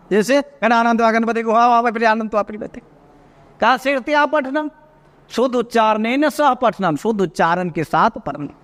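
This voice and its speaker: A man's voice: very high-pitched, a bit bright, long reverb tail. A male teacher giving an exam prep lecture in a coaching classroom, reading out Sanskrit lines, explaining them in Hindi and repeating key terms.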